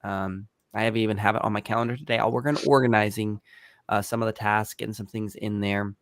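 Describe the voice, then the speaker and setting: A man's voice: on the low side, steady tone, a little fast, dry recording, clean studio sound. A man hosting a casual team meeting, easygoing and upbeat, laughing often.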